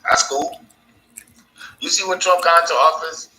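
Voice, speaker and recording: A man's voice: on the high side, fairly even intonation, normal speed, sharp tone, a little hiss or hum. A man hosting his own podcast in a casual, rambling monologue, laughing at his own stories. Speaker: podcast host. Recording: echoey room.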